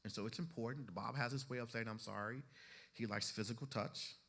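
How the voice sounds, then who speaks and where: A man's voice: medium pitch, a little fast, gravelly, fairly bright tone. A man lecturing a class of trainees in a conversational way, often saying "you know" and asking the room questions. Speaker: instructor teaching therapists.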